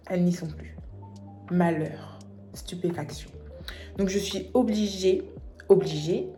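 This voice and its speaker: A woman's voice: on the low side, mellow. Chatty, self-mocking woman vlogger. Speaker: beauty vlogger. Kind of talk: casual makeup tutorial chat.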